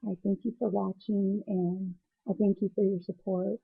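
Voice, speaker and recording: A woman's voice: mid-range voice, little pitch movement, normal speed, creaky, husky, narrow, tinny audio. A woman speaking hesitantly in a personal video diary, teary and emotional as if after crying, searching for her words. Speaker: patient vlogger.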